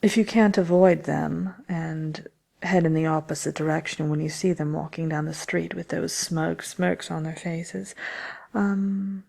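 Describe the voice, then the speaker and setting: A wicked witch, played by a woman, murmurs through a soft ASMR fairy-tale chat show. Her voice is very low, breathy and husky, with a gravelly creak that often sinks toward a whisper. She is smug, envious and slyly haughty, lingering over hesitant pauses. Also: fairly even intonation, exaggerated voice. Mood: sly, menacing. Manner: sly, haughty, hesitant with many drawn-out pauses. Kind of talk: ASMR roleplay, soft-spoken chatty answers to listener questions.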